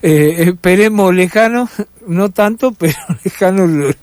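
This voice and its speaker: A middle-aged Argentine man with a Rioplatense Spanish accent hosts a casual radio chat in a studio, talking reflectively with many hesitations. His high-pitched voice has a darkish tone and measured pace, with no echo.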